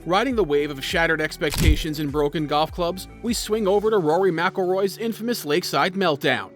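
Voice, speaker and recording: A man's voice: a little high, a little fast. A man delivering scripted video narration in a dramatic storytelling manner. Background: music.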